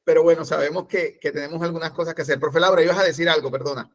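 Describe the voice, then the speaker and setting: A man who mentors English teachers, telling stories from experience in a lively, informal way with many restarts. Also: a little high, racing. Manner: animated storytelling with many restarts. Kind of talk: casual talk.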